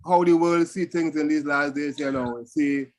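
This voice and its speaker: A man's voice: fairly high pitch, fairly even intonation, moderate pace, a little mellow. A man with a Caribbean accent reasoning in Rasta speech, ending phrases with "you know" and "still" in a casual panel discussion. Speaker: panel speaker.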